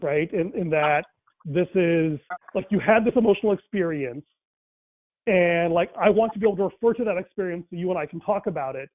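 This is a man with a high-sitting voice who speaks Tamil as his first language, talking fairly fast and loosely about language and faith. He works through his thoughts with frequent fillers and restarts, recorded on a tinny, dry, phone-like line.

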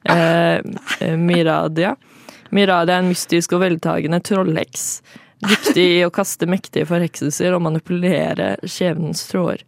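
A young woman co-hosting a radio chat, hesitant and full of fillers. Her voice has a gravelly fry. The studio sound is dry and close. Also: lowish voice, fairly even intonation, no echo. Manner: hesitant, many fillers and laughs. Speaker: radio co-host.

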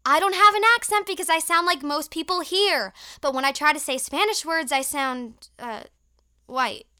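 A woman's voice: sits high, normal speed, sharp tone. A woman acting an earnest, polite teenage student who turns a little defensive. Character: earnest teenage girl student, usually well-behaved. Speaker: student in detention. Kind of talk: audio drama acting.

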